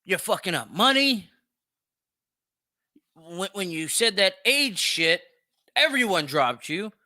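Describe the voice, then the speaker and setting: A podcast host runs an opinionated solo commentary show, speaking bluntly and emphatically, swearing freely and repeating phrases for emphasis. His voice sits high, very animated, with a sharp tone and slow pace. The studio sound is clean with no echo.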